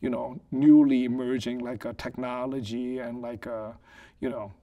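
A man's voice: medium pitch, level tone, normal speed, warm tone, muffled recording. Man from South Korea, reflective. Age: 40s. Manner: thoughtful, lots of fillers like "you know" and "like". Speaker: guest, business owner. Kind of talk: casual interview. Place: living room set.

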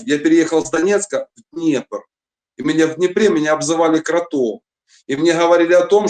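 Over a webcam call on chat roulette, a middle-aged man from Donetsk, Ukraine, tells his own story at length, rambling with lots of fillers and restarts. His voice is fairly high and a little mellow.

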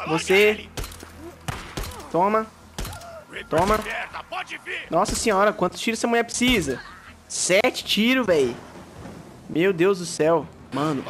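Jumpy Brazilian gamer yelping at scares. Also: male voice, fairly high pitch. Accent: Brazilian Portuguese. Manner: jumpy, yelps and shouts when startled, slangy and swearing. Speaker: gaming YouTuber. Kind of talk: let's play commentary.

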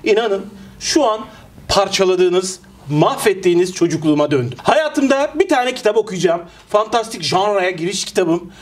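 A man's voice: high-pitched, animated, moderate pace. A man debating in a comic mock debate, melodramatic and acting offended.

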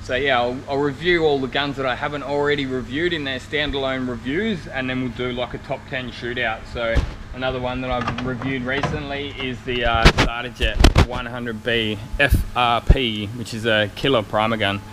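At a moderate pace and with fairly even intonation, a medium-pitched man in his thirties walks through a large workshop giving a laid-back, rambling, blokey vlog. He paints cars and runs a YouTube channel, filming on a handheld action camera at arm's length amid clear workshop noise.

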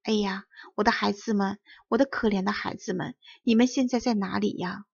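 A woman's voice: mid-range voice, steady tone, a little fast, creaky, breathy edge, no echo, highs cut off. A woman doing a grieving peasant mother. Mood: crying out. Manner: plaintive, lamenting. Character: poor woodcutter's wife, grieving, nagging mother.

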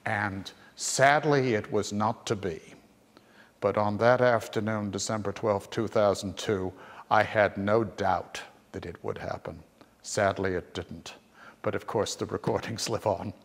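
A man giving a heartfelt personal testimonial, reminiscing about a dear friend with long pauses. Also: lowish voice, fairly even intonation, big-room sound.

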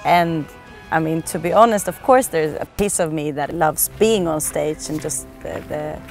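A Swedish actress in her thirties, born in Sweden with Swedish as her first language, gives a documentary interview outdoors on a lawn, reflective and earnest and hesitating often. Her voice is deep and gravelly at normal speed. The mic is distant, with faint music behind her.

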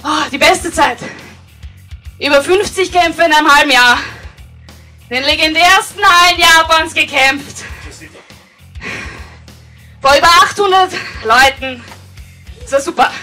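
A young woman with a Viennese accent, a wrestling champion shouting an excited promo to the crowd in a basement venue. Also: high-pitched, measured pace, long pauses, faint music behind. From Vienna, Austria. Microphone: handheld mic, heard from a distance. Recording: distant live venue sound.

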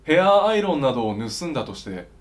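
A young man reading scripted news as a newscaster, in a formal, polite and measured delivery. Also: medium pitch, very animated. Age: young adult. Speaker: newscaster in a parody news show.

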